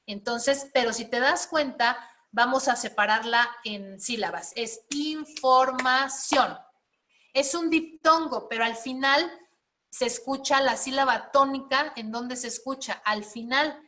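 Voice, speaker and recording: A woman's voice: on the high side, unhurried, pushed and bright. A woman teaching a spelling and writing class, explaining step by step and often checking in with her students. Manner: explanatory, checks in with frequent questions.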